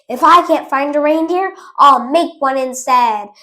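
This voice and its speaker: A woman's voice: sits high, measured pace, bright, forceful tone. A woman voicing a grumpy, scheming male creature who hates Christmas, in a storybook read-aloud. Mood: gleeful. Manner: snarling, scheming.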